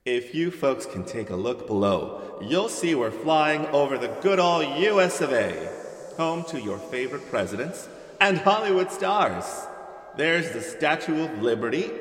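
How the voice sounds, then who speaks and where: Merle Cravenhoff, a man playing a hammy ride captain. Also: mid-range voice. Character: folksy cheerful male theme-park ride captain. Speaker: ride narrator. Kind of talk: scripted ride spiel. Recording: echoey hall with background noise.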